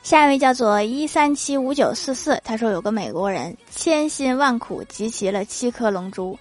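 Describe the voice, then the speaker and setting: A woman hosting a comedy show, reading jokes aloud with lively delivery and laughter between them. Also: on the high side, moderate pace, faint music behind. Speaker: host of a comedy joke show.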